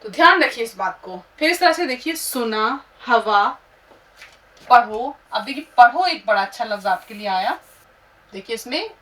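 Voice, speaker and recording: A woman teaching Urdu, slowly and patiently spelling words out letter by letter. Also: a little high, a bit bright, recorded from a distance.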